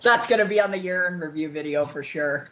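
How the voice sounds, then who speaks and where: A woman's voice: sits low, fast talker, muffled recording, noisy background. A woman hosting an online radio show, chatting casually and rambling with frequent laughs and jokes. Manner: giggly, rambling, jokey.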